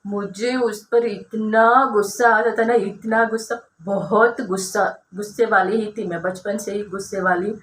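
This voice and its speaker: A woman whose first language is Kannada talks through her childhood memories in a casual vlog. She rambles with plenty of fillers and restarts, and her voice sits at a middling pitch. The room echoes noticeably, with a faint ambient hum behind her. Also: moderate pace, hardly any pauses. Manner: rambling, many fillers and restarts, lively when recounting anger. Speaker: vlogger. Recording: roomy echo, faint ambient noise.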